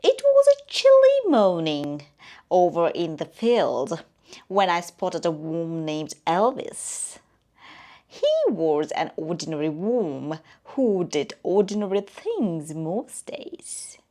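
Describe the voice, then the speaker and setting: Female storyteller, slow and lively, low voice that slips into whispers. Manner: slow, expressive, often drops to a whisper. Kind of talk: children's storytelling narration.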